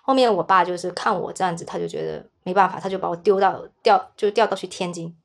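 A woman's voice: fairly low pitch, quick pace, gravelly. A young woman telling a personal story as a podcast guest, speaking hesitantly, often repeating words and restarting her sentences. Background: soft background music.

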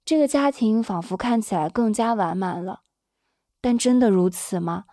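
Calm young woman narrating in a dry voice. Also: mid-range voice, no room sound. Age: 20s. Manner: calm, measured storytelling. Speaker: interviewer and narrator, daughter of the guest. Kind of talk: scripted reflective narration.

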